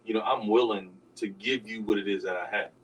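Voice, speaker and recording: An older man hosting a radio talk show, telling stories in a raspy, easygoing way. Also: fairly low pitch, fairly even intonation, brisk, a bit bright, far from the mic, slight background noise, poor audio.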